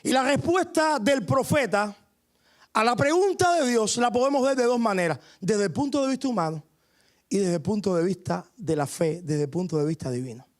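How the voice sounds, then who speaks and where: Man, pastor, high-pitched, fervent church sermon, frequent hallelujahs. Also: expressive, moderate pace. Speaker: guest pastor. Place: church sanctuary.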